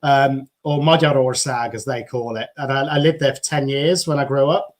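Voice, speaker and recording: Hosting a casual live video chat, an Englishman chats enthusiastically, often restarting and repeating words at the start of phrases. He has a mid-range voice with fairly even intonation at normal speed.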